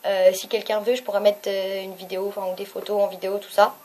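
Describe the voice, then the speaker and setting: A young woman talks through her makeup picks in a relaxed, chatty vlog. She hesitates often and fills gaps with fillers. Her pitch sits in a middle range, and she speaks into a camera mic. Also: fast. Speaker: beauty vlogger. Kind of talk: casual product review.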